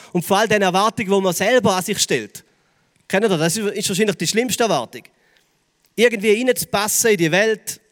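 A man with a Swiss German accent gives an earnest personal testimony to young people as a preacher. He talks haltingly and turns soft and slow on key phrases. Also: high voice. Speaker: youth preacher. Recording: long hall reverb.

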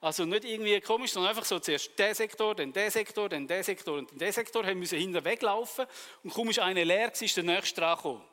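A man with a Swiss German accent preaching a sermon, telling personal stories and acting out the dialogue in a lively way. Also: high voice, fast talker, long reverb tail.

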